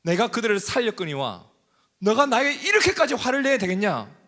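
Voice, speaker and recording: A preacher voicing God as a patient, pleading figure reasoning with a stubborn prophet. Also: male voice, high-pitched, very animated, a little fast, bright, forceful tone, pitched above the performer's own voice, exaggerated voice. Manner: earnest, rising appeal.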